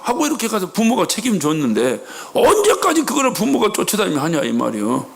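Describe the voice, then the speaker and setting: Middle-aged man, pastor mid-sermon: very high, animated delivery, emphatic, asks and answers his own questions. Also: a little fast, creaky. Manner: emphatic preaching with rhetorical questions and acted quotes. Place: church sanctuary.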